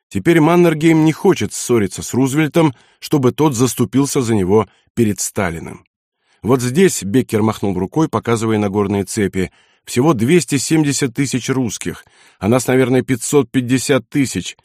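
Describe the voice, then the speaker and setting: A man voicing a blunt, self-assured German SS general who talks in a gruff, commanding way. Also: mid-range voice, a little mellow, no room sound, clean studio sound, lightly acted.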